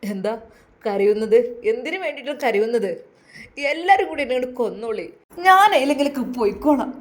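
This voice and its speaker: A woman with a Malabar Malayalam accent voicing an angry, hurt young husband who scolds his wife with rapid, harsh questions. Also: fairly high pitch, expressive, lightly acted.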